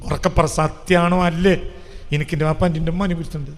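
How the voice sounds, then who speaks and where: A male Islamic preacher, giving a sermon. He swings between hushed lines and loud emphatic outbursts and keeps asking his listeners rhetorical questions. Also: on the high side, fairly even intonation, fast talker, long reverb tail. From Kerala, India.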